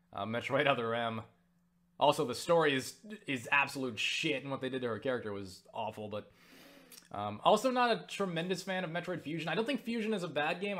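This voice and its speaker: In a casual vlog, a young man with a medium-pitched voice responds to viewers' questions. He meanders with lots of fillers and restarts, swears offhandedly, and grows animated with excitement.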